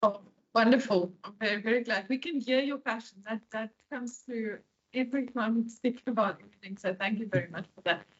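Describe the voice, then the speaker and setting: A woman interviewer with a slightly high voice asks friendly, hesitant questions, pausing on small fillers. The sound is somewhat dull and lo-fi. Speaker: interviewer, host. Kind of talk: conversational interview.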